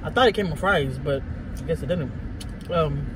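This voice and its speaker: A woman's voice: sits low, normal speed, noisy background. A woman vlogger chewing food while she talks to viewers in a casual, chatty way, with a sore throat. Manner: laid-back, chatty, addresses viewers directly. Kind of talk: casual mukbang chat.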